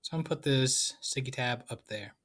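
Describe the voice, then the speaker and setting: Man, math teacher, casual lecture, playful asides, medium pitch. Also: fairly quick, fairly bright tone.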